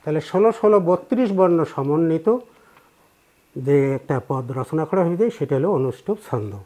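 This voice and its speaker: A man with a Bangladeshi Bengali accent teaching verse pronunciation in an online class, counting syllables slowly and chanting lines. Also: on the high side, animated, mellow. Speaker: Gita recitation teacher. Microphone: online class recording.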